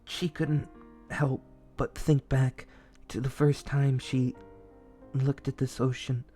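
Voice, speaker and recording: A young man voicing a shy, dutiful young male general who reads a bedtime story aloud in a whispered role-play, soft, earnest and easily flustered. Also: mid-range voice, level tone, slow, faint music behind, lightly acted. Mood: gentle storytelling.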